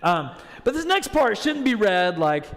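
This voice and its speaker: A man's voice: sits high, big pitch swings, unhurried, fairly bright tone. A man giving a sermon as a guest preacher, conversational and joking. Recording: long reverb in a church sanctuary.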